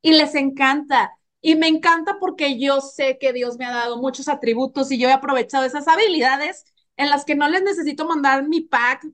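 A young Mexican woman speaking in a notably high voice, frank and playful, laughing easily as she chats on a podcast. Her talk is loose and unscripted, full of asides and teasing. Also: fairly bright tone.

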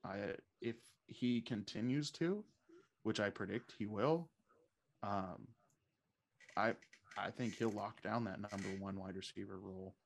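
A man's voice: on the low side, measured pace, gravelly. A man co-hosting a fantasy football podcast in casual chat, thinking aloud and often restarting his sentences.

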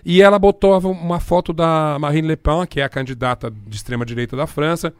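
A middle-aged Brazilian man, a journalist, telling anecdotes in conversation, animated and laughing often as he acts out the voices he quotes. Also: fairly high pitch, fairly quick, smooth, no echo, clean studio sound.

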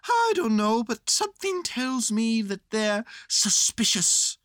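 A woman voicing an earnest, scheming, silly male toy bear from a children's storybook, with excitable, self-important pronouncements. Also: fairly high pitch, slow pace, dry recording, clean studio sound, pitched above the performer's own voice. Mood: hushed suspicion.

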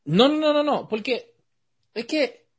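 Dominican male podcast co-host, high husky voice, quick to disagree. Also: expressive. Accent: Dominican Spanish. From Dominican Republic. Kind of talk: casual discussion.

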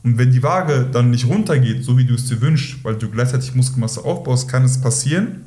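A man's voice: medium pitch, a little fast, mellow. A man who works as a weight-loss coach, talking directly and instructively in a casual podcast conversation, often closing his points with a short "so". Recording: roomy echo.

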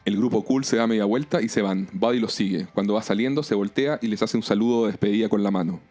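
A man's voice: on the low side, fast, a little mellow. A man casually narrating the events of a comedy episode in a matter-of-fact way. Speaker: episode recapper.

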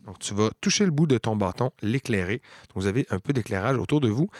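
A man with a Quebec French accent, narrating a tabletop game as game master in an unhurried, descriptive way. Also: fairly low pitch, animated, darkish tone, no room sound, studio quality. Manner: descriptive, unhurried storytelling with many fillers.

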